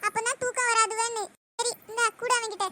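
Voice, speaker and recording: Squeaky, cheeky cartoon schoolchild, southern Tamil. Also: female voice, little pitch movement, a little fast, bright, forceful tone. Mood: sleepy, whispering plans. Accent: southern Tamil Nadu Tamil. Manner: childlike, informal. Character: cheeky, chatty village schoolchildren. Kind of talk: comedy skit voice acting.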